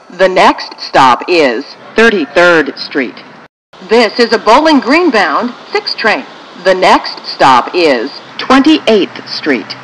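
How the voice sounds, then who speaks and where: A woman with an American accent reads scripted train station announcements in measured, formulaic phrases. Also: medium pitch, a bit bright, slight background noise, poor audio.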